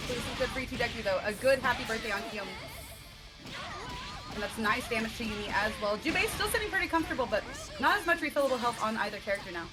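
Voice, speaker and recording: High-pitched female caster, excitable play-by-play, game music behind. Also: fast talker. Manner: excitable, laughs often, shouts at big plays. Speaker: tournament commentator. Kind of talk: fighting game commentary.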